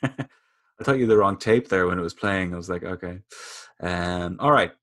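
A man's voice: low-pitched, normal speed, fairly bright tone, no room sound. A man co-hosting a podcast, chatting casually and rambling with opinions and fillers. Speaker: podcast co-host. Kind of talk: casual chat.

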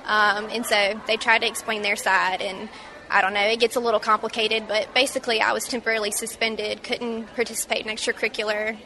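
A woman in her twenties from Mississippi recounting a personal story in an interview, halting and reflective with many fillers. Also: medium pitch, little pitch movement, pushed and bright, slight background noise. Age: 20s. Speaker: interview guest.

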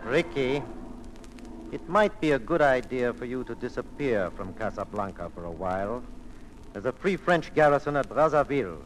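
An actor playing a suave, cynical police captain in a 1940s radio drama, urbane and droll. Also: male voice, medium pitch, animated, normal speed, natural voice. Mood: sly. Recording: noisy old radio drama recording.

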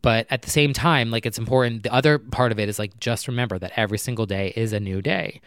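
Speaking quickly but quietly so the neighbors can't hear, a young guy vlogs a chatty, rambling personal talk from his apartment at night, saying "like" constantly. His voice is smooth and clear, captured close and dry.

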